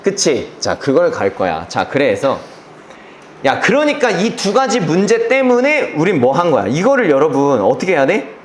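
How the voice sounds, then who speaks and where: A man's voice: a little high, huge pitch swings, normal speed, a little hiss or hum. A man teaching a class, lecturing through an exam passage and checking in constantly with rhetorical questions and blunt slang. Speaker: English teacher. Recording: roomy echo with faint ambience.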